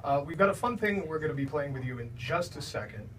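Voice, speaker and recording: A man's voice: a little high, expressive, fast, fairly bright tone. A man from Georgia in the US hosting a playful radio interview with jokey game-show patter in a studio. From Georgia, USA. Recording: slightly distant mic, faint hiss.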